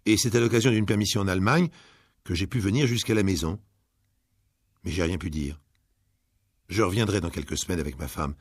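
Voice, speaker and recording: A man reading out a letter as an apologetic, earnest young son, steady and plain, in a dramatic audiobook reading. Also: low-pitched, a little fast, long pauses, dry recording, clean studio sound.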